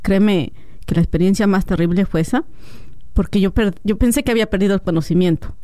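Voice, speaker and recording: A woman's voice: mid-range voice, fast talker, dry recording. A woman who is a radio guest, telling a personal story and acting out the dialogue. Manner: animated storyteller, acts out dialogue.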